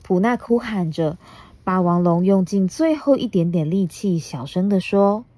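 A woman reading a picture book aloud as podcast host, gently asking a child questions along the way. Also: mid-range voice, lively intonation, a little slow, no room sound.

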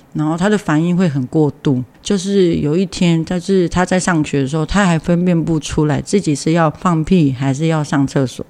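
Higher-pitched man. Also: a little mellow. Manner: leans on fillers, acts out quoted dialogue. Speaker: community member sharing a story. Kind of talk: casual storytelling.

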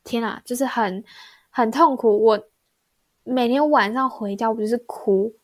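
Young female co-host, soft-spoken and reflective, a touch high-pitched, casual chat. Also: unhurried. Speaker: podcast co-host. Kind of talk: casual chat, personal story.

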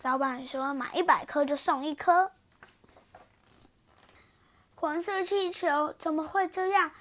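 A woman narrates a children's storybook with a high, bright voice. She reads expressively, leaning into the story's moments to keep young listeners engaged, with lively rises and falls. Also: slow pace. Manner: expressive, animated read-aloud.

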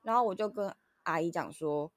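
Fast-talking woman, annoyed storyteller. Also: fairly low pitch, no room sound, studio quality. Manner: animated, frustrated storytelling. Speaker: podcast co-host. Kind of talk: casual chat, telling a story.

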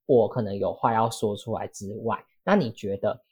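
A man's voice: lowish voice, normal speed, darkish tone, breathy edge. A man hosting a casual podcast interview, rambling and rephrasing his questions as he goes. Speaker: podcast host.

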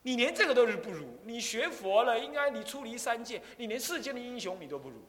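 An older man, a Buddhist abbot, giving an animated dharma lecture full of rhetorical questions. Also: very high-pitched, fast talker. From Taiwan. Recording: long hall reverb.

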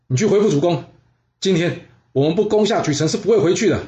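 A man's voice: high voice, lively intonation, quick pace, mellow, muffled recording, voice pushed up. A man voicing a proud, defiant ancient warrior with an indignant tone.

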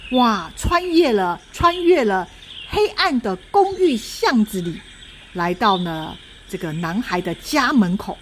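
A woman storyteller giving an expressive, dramatic read-aloud of a children's storybook. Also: mid-range voice, unhurried, a little hiss or hum.

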